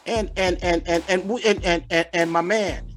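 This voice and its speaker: A man co-hosting a sports talk show, animated and repetitive as he runs through picks. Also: high-pitched, moderate pace, faint music behind. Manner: animated hype, repeating words and phrases.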